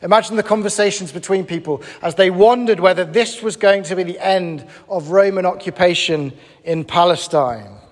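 Man, preacher, sermon, lively and emphatic, high-pitched, long hall reverb. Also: normal speed. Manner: animated, conversational, emphatic.

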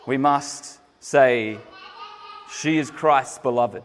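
A man preaching a sermon in an earnest, emphatic way, swelling louder on key phrases and then dropping soft. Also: mid-range voice, extremely slow, slight background noise. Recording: echoey hall with long reverb.

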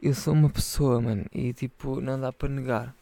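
A man's voice: mid-range voice, steady tone, brisk, gravelly, warm tone, no room sound. A drunk man with a European Portuguese accent, hosting his podcast and rambling, repeating himself and swearing freely as he talks to his patrons. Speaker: podcast host. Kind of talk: rambling casual monologue to patrons.

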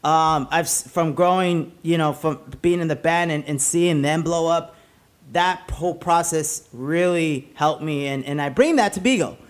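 A man with a notably high voice hosts a casual show. He rambles in a stop-and-start way, dropping party slang like a hype man. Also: unhurried. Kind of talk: casual, slangy host chat.

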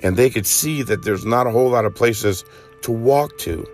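A man's voice: medium pitch, moderate pace, faint music behind. A man preacher telling a vivid second-person story in a sermon, acting out urgent cries as it builds.

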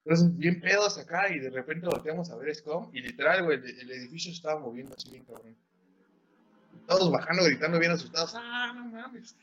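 A young man with a Mexican Spanish accent tells a rowdy story in casual chat, swearing freely and piling on slang. His voice sits a little high. The recording sounds muffled and lo-fi. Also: fairly quick, a bit bright. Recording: dull lo-fi sound.

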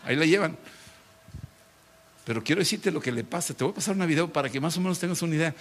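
A middle-aged pastor, preaching a dramatic sermon and acting out mocking voices. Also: male voice, fairly high pitch, lively intonation, rapid-fire, a little hiss or hum.

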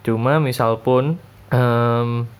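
A man's voice: mid-range voice, fairly even intonation, very slow, smooth. A young man from Indonesia, giving his opinions in a casual, chatty monologue full of fillers.

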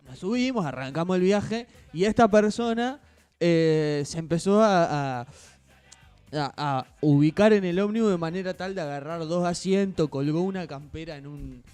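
A young man with a Uruguayan Spanish accent, chatting casually and recounting an anecdote in a relaxed, rambling way. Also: a little high, moderate pace, smooth, faint music behind. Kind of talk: casual chat, storytelling.

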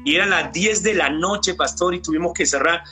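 A middle-aged man with a Peruvian Spanish accent speaks at a moderate pace in a slightly high voice. As a church cell leader, he gives an earnest testimony of faith, often addressing his pastor, while soft guitar music plays behind him.

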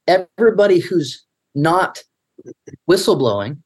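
High and husky, this podcast co-host's voice is very animated though his pace stays measured. Earnest in a casual discussion, he keeps starting sentences over while working through his thoughts out loud.

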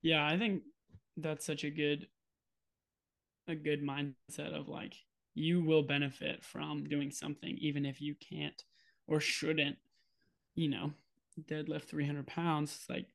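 A young man co-hosting a podcast in relaxed casual chat, talking with many fillers and laughing easily. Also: a little high, unhurried, gravelly, long pauses. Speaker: podcast co-host.

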